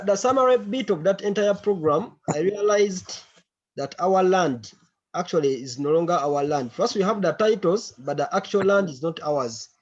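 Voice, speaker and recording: A man gives a report to colleagues over a conference call. His voice is on the high side and somewhat husky, and he circles back over his phrases. The online audio is a bit dull. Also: a little mellow. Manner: repeats words and phrases while recounting. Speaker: member of an organisation reporting to a meeting.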